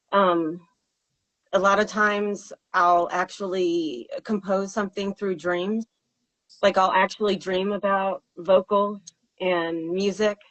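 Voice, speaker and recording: Here a woman with a rather low voice, a singer-songwriter, responds to an interviewer in a reflective, uncertain way, filling gaps with fillers and laughter. The audio sounds dull.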